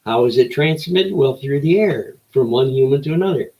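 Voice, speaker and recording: A man's voice: medium pitch, animated, moderate pace, dark tone. An older man delivering a rambling opinion monologue as an old man's folksy rant, with rhetorical questions and short emphatic phrases. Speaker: show host.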